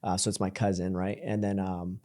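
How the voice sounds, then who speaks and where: A young man from Colombia talks through his life story as a podcast guest, in a fairly low voice. He speaks casually, with plenty of "um" and "like" and frequent restarts. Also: a little fast. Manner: relaxed, full of fillers and restarts. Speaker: podcast guest, creative entrepreneur. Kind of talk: casual interview chat.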